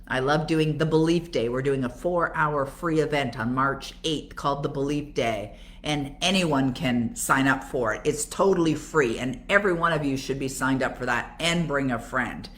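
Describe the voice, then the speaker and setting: Speaking at a normal speed with an extremely low pitch, this older Toronto woman coaches conversationally during a live Q&A. She has a Canadian accent, is also an author, and answers her own rhetorical questions while explaining.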